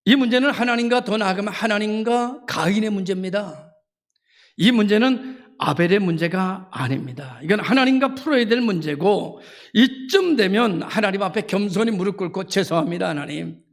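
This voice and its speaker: A middle-aged man preaching a Sunday sermon as pastor, building to high emphatic repetitions and acting out the voices of churchgoers and God. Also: lively intonation, moderate pace. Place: church sanctuary.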